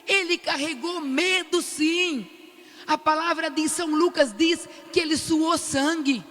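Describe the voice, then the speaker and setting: An older Brazilian woman tells her story at a prayer meeting in a very high, bright voice. She speaks with animation and acts out the lines she quotes. Her voice rings through a large, echoey church hall. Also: unhurried. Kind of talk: testimony talk at a prayer meeting. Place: large cathedral.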